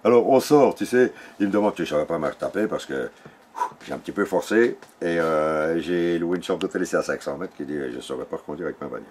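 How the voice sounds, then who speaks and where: Un homme âgé à l'accent belge qui raconte ses souvenirs avec entrain, en imitant les dialogues. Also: male voice, sits low, fast, a little hiss or hum. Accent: Belgian French. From Belgium. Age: older. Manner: animated storyteller who acts out dialogue. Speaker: interviewee. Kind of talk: casual storytelling interview.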